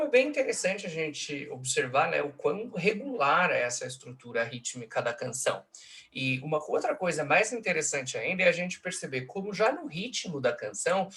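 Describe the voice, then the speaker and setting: A man's voice: fairly high pitch, fairly bright tone. A man giving an online lecture, explaining step by step and checking in with frequent tag questions. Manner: slows down and stresses syllables when tapping out rhythms. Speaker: host and lecturer. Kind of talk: online lecture analyzing song lyrics. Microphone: computer mic in a live video call.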